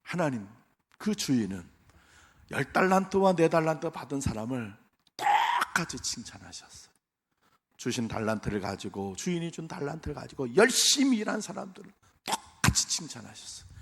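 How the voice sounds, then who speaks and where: A man's voice: medium pitch, very animated, moderate pace, gravelly, slightly rough. A male pastor preaching a Sunday sermon, speaking emphatically and directly to his congregation. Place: church sanctuary. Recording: long church hall reverb.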